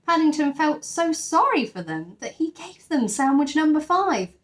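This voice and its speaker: Here a female teacher performs a lively storybook reading for little kids, her high voice swooping widely up and down. She keeps a moderate pace and chats with the children between passages.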